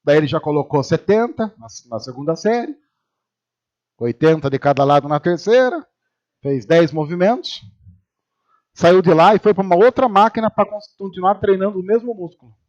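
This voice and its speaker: Lively, high-voiced man preaching. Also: moderate pace, lo-fi sound. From Brazil. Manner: animated storytelling, acting out quoted voices. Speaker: pastor. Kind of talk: humorous sermon. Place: church.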